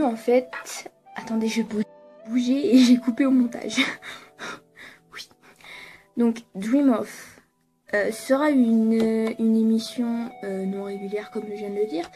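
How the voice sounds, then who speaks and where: A young woman with a fairly high but mellow, relaxed voice, chatting casually to camera from her apartment. She laughs a lot and swears freely, with a self-mocking tone, while faint music plays behind her. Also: measured pace. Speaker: YouTuber. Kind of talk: casual vlog chat to camera.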